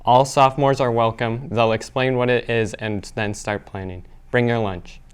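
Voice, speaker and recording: A man's voice: medium pitch, moderate pace, clear, resonant tone. A teenage boy anchoring a student newscast, reading school announcements steadily with small slips. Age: teens. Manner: steady read-aloud delivery with small slips. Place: school studio.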